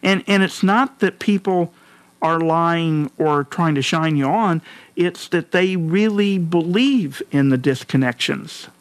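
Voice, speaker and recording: A middle-aged man from California hosting a talk show, telling stories animatedly and mimicking others in a higher voice. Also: slow, no echo. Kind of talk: conversational political commentary.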